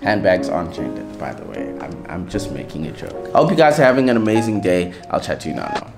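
Young guy, talking to his camera at arm's length, kinda low voice, music in the background. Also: lively intonation, fast talker, gravelly. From South Africa. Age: young adult. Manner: chatty, self-joking, rambling asides. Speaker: vlogger. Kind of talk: casual vlog chat to camera. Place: home indoors, then an outdoor farm venue. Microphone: camera held at arm's length.

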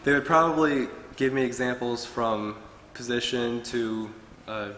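A man's voice: medium pitch, unhurried, bright, forceful tone, slight background noise. A young man preaching a short sermon from a pulpit, earnestly reading from his notes. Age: young adult. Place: church hall with wood-paneled walls. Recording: echoey hall with long reverb.

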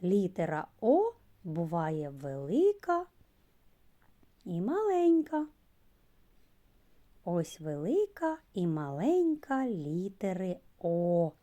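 Woman preschool teacher, super slow and sing-songy, stretches every sound, low-ish mellow voice. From Ukraine. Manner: sing-song, stretches sounds and key words. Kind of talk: slow literacy lesson for young children.

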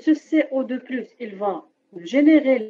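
Husky Moroccan woman teaching chemistry online. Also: high voice, normal speed. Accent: Moroccan French. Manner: explains step by step and keeps asking "d'accord?". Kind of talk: online class lecture. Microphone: computer mic on a video call. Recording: dull lo-fi video-call audio.

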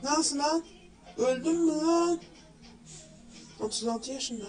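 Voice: sits high, slow, faint music behind. A gamer doing casual gameplay commentary, grumbling and cursing in loose slang with an exasperated manner. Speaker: gamer commentating own play.

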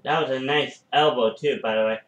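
A man casually commenting on a match as a fan, excitable and full of fillers, with sudden loud exclamations. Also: medium pitch, a little fast, roomy sound, highs cut off.

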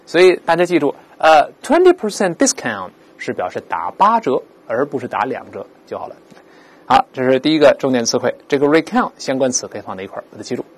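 A man teaching an English vocabulary lesson, explaining words with rhetorical questions and slowly repeating them aloud for pronunciation practice. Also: mid-range voice, very animated, breathy edge.

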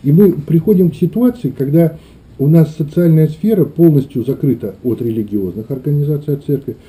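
Middle aged guy, really dark mellow voice, thoughtful interview talk, kinda hunts for words. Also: fairly high pitch, fairly quick. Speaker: clergyman interviewee. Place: small meeting room indoors.

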